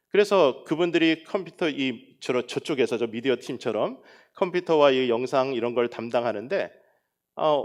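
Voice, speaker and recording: A middle-aged man who is a guest pastor, preaching a revival sermon in a humorous, animated way and raising his voice for emphasis. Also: medium pitch.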